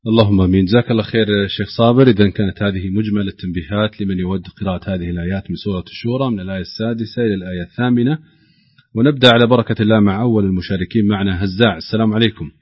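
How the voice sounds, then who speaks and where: A man hosting a recitation program, thanking the teacher and quickly calling in the next participant. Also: on the low side, husky, dry recording, lo-fi sound. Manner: brisk presenter, moves the session along. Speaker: program host.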